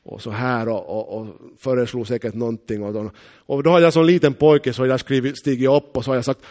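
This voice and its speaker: A man's voice: medium pitch, steady tone, a little mellow. Finland-Swedish man preaching a storytelling sermon. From eastern Uusimaa, Finland. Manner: storytelling, emphatic, slows down on key phrases.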